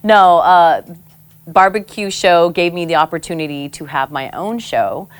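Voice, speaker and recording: A woman from Samoa with a notably low speaking voice tells personal stories as a podcast guest. She is candid and animated, laughs easily and drops casual swears without hesitation. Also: unhurried. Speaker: guest, former show host. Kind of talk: candid conversational storytelling.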